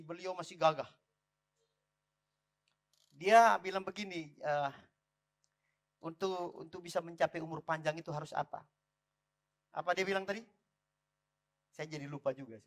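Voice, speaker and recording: Male pastor, a bit high-pitched, lively church sermon. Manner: lively preaching, calls out to the congregation.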